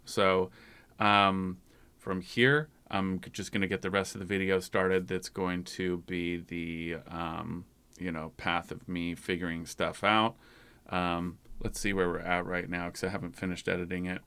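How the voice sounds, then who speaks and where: A man's voice: deep voice, flat delivery, unhurried, bright, forceful tone, smooth. A man hosting his own channel, giving a loose, rambling, conversational screen-share tutorial. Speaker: tech channel host.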